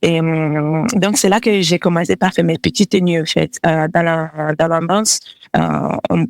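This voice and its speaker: A woman's voice: low voice, lively intonation, normal speed, darkish tone, dry recording. Hesitant woman designer, dry sound. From Togo. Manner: hesitant, many fillers and restarts; laughs between answers. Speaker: fashion designer guest. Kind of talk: casual interview talk.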